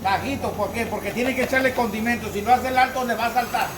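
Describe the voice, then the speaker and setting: A man's voice: very high-pitched, steady tone, fast talker, noisy background. A man giving a folksy cooking demonstration at his stove, coaxing the viewer step by step. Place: home kitchen by the stove. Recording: echoey kitchen with frying sizzle.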